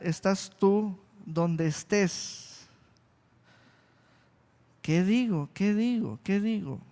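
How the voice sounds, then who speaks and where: A male pastor preaching a sermon slowly and deliberately, repeating key phrases for emphasis. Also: high voice, darkish tone. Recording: long reverb of a church hall.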